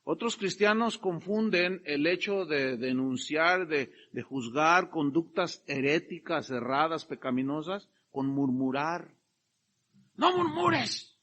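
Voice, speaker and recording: A middle-aged man preaching a sermon, emphatic and lively, acting out the quotes he reads. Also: fairly high pitch, a little slow, muffled recording. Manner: animated, emphatic, acts out quotes. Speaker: pastor.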